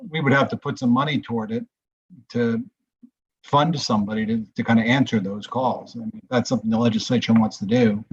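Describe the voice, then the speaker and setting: A man's voice: mid-range voice, husky, no echo, dull audio. A man who serves as a legislator speaks in a committee meeting over a conference call. He thinks aloud in a casual, hedging way, with plenty of fillers. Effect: conference call audio. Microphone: computer or phone on a video call.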